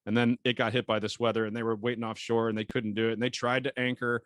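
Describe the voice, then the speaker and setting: An American man, a sailor guest on a podcast, telling stories in an animated, casual way with laughs and the odd swear word. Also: mid-range voice, fast, no room sound. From United States. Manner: animated storyteller, laughs often, relaxed swearing. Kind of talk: casual chat.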